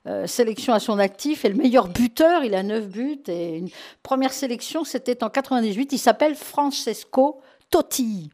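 A woman talking casually on a radio show about a film, chatty with many fillers and laughs. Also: a little high.

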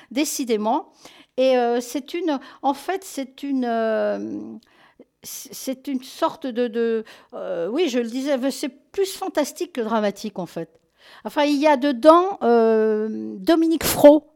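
Woman host, fairly high voice, chatty and familiar, plenty of fillers and self-corrections. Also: animated, measured pace, a little mellow. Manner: affectionate toward listeners. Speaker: host presenting film releases. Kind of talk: casual radio-style chat.

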